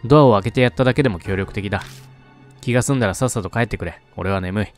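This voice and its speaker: A man voicing a curt, gruff young male loner as the hero of a horror tale. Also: lowish voice, very fast, faint music behind, lightly acted. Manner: curt and dry.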